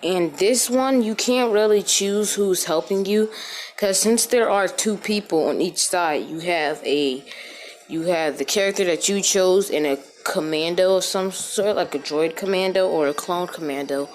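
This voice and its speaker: A woman's voice: on the low side, a little slow, slight background noise. A woman giving a casual, rambling gameplay voiceover, with many fillers and restarts, recorded in an echoey room. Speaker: gaming video creator. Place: echoey room, different from usual.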